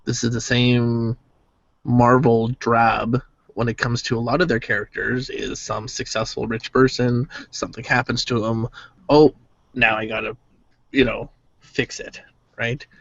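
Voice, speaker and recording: A man's voice: mid-range voice, flat delivery, a little slow, vocal fry, a bit bright, no room sound. A man with a mid-range voice chats on a podcast, skeptical and dismissive. The audio is dry and dull, with a lo-fi sound. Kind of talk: casual chat.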